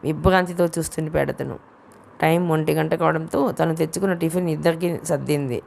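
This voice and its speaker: Woman, audiobook narrator, low pitch, gravelly fry, steady storytelling, faint background hiss. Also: a little fast. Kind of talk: scripted narration of a novel, voicing all characters.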